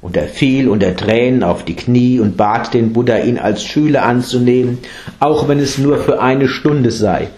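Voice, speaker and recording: A man narrating a story in a calm, measured way. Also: medium pitch.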